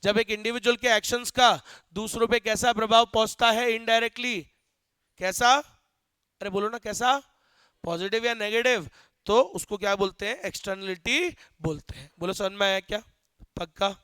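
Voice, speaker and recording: A young male teacher lecturing a class in an animated, joking way, often quizzing students, with phrases. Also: high voice, moderate pace, clear, resonant tone, no room sound. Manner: animated, asks students questions, jokes.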